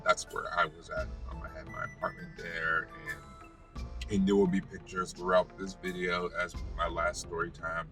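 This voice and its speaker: An American man, a vlogger, casually telling a personal story in a halting, rambling way with self-corrections. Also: low voice. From United States. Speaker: vlogger and former basketball player. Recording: distant mic, music behind.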